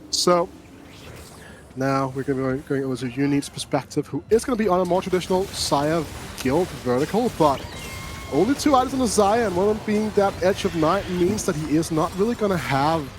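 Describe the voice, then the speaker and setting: A man giving analytical color commentary on an esports match, often saying "like" and "right?" as he thinks aloud. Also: a little high. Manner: talks it through with many "like" and "right?" tags. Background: faint background music.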